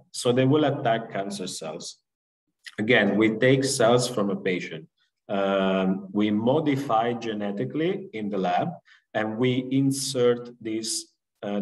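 A young adult man, an invited researcher, gives a webinar lecture over slides from an indoor room on a video call, explaining in a halting way with many fillers and restarts. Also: fairly low pitch, a little mellow, poor audio. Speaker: invited researcher giving a talk. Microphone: video call from a laptop webcam.

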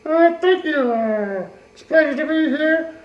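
A man voicing a cranky, boozy Irish leprechaun with a gruff, cheeky manner. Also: extremely high pitch, expressive, unhurried, reverberant, muffled recording, voice pushed up.

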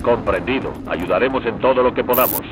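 A steady male mission controller whose voice comes over a military radio, formal and even in a mid-range pitch. The game's audio is mixed with loud noise behind the radio voice. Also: fairly quick. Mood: businesslike. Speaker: radio operator at command. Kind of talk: dubbed video game dialogue. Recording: noisy game audio mix.

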